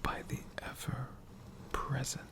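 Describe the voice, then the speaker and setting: Hushed and drawn out, this ASMR storyteller, whose sex is unclear, spins tales full of long pauses and repeated words.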